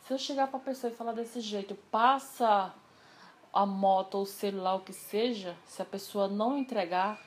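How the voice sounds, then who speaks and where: A woman's voice: medium pitch, moderate pace. Chatty woman recounting a personal story. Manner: animated, acts out quoted dialogue. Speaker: interviewee. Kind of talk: casual storytelling interview.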